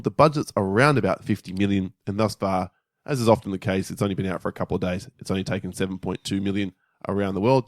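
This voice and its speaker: A man's voice: lowish voice, dry recording. A man co-hosting a podcast, laying out film details in a matter-of-fact way while getting over a cold. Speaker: podcast co-host, film reviewer. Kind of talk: casual film review chat.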